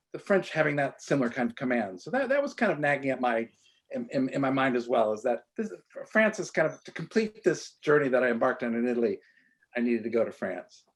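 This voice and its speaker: A man being interviewed as an author, telling animated stories and often restarting his sentences. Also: medium pitch. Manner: halting, many restarts and repeated words; animated storytelling. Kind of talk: conversational interview.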